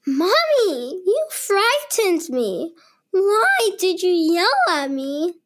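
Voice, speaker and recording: A woman's voice: very high-pitched, wildly swooping pitch, very slow, soft background music, full character voice. A performer voicing a curious little girl who pleads with the grown-ups in a children's show. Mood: pleading.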